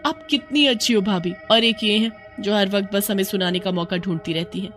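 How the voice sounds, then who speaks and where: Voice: mid-range voice, a little fast, fairly bright tone, faint music behind, natural voice. A narrator voicing a sleepy young daughter-in-law who coaxes favors in a sugary way. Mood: coaxing. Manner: coaxing and sugary.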